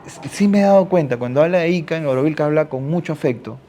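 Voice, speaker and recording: Here a Peruvian panelist from Ica speaks quickly and animatedly, his slightly high, dark voice carrying a faint hiss or hum. He thinks aloud at a literary talk in a Peruvian Spanish accent, frequently finishing with a questioning tag.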